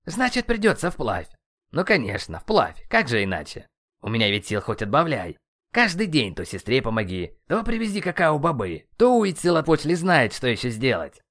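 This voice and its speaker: A man voicing a complaining, hot-headed teenage Aztec warrior in an audiobook, loud and high. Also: wildly swooping pitch, normal speed. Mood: indignant. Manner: complaining, shouting.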